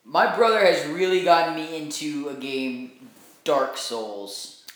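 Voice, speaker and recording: A man's voice: on the high side, slow, a bit bright. A young man co-hosting a casual gaming podcast, enthusiastic and rambling, laughing often. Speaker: podcast co-host. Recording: very echoey room.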